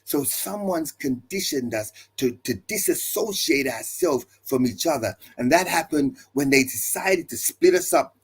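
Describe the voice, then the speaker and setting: A man's voice: fairly high pitch, expressive, measured pace, few pauses, slightly rough. A male pastor preaching to listeners, building his points with emphatic repeated refrains and rhetorical questions. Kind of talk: preaching talk.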